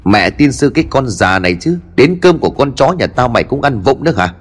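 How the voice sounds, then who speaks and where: A man's voice: medium pitch, very animated, brisk, husky, soft background music. A man voicing a scheming young woman who shrieks abuse and then wails falsely, in a narrated ghost story. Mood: abusive. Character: scheming shrill young woman, daughter-in-law.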